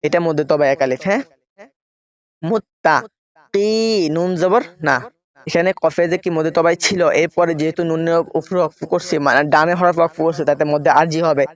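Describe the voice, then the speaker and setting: A man's voice: a little high, fairly even intonation, a little fast, dull audio. A man teaching Quran reading step by step, spelling out letters and vowel marks and often checking in with his listeners.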